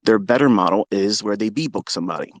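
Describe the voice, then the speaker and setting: A man ranting as a trading mentor on a live audio call, boastful and full of swearing, taunting his challengers and swinging between loud jabs and low asides. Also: expressive, a little fast, no echo. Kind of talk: combative live-audio rant.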